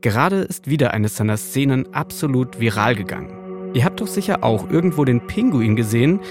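A male podcast narrator with an animated, swooping delivery and a mid-range voice. He reads a script but keeps it informal, dropping in slang and English loanwords. Soft music plays behind him. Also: medium pitch, a little fast. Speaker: podcast host, journalist.

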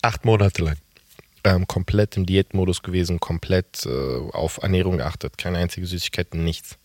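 A man's voice: low-pitched, fairly even intonation, normal speed, no echo. Candid man rambling in a dry close voice. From Germany. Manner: rambling, candid, self-mocking. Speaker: guest. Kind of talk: casual podcast conversation.

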